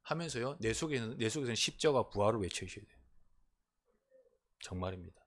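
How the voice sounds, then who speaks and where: A Korean man preaching a sermon as a pastor in a church, swinging between emphatic proclamations and quiet, intimate asides. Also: fairly low pitch, expressive, a little fast. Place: church sanctuary.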